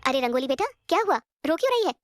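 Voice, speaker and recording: A woman's voice: sits high, big pitch swings, rapid-fire. A woman voicing an older mother who soothes her crying daughter and scolds wrongdoing. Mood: soothing. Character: older mother, gentle and just.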